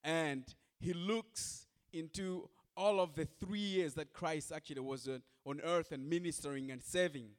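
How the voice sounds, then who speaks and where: Man preaching a sermon, fairly high voice. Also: a little slow, hardly any pauses. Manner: preaches in short repeated phrases and direct questions to listeners. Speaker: pastor.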